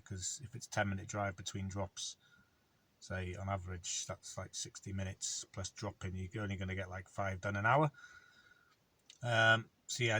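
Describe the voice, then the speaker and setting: A man's voice: fairly low pitch, fairly bright tone. A man, a van courier, chatting casually to camera in a rambling way with lots of ums. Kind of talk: casual vlog talk to camera.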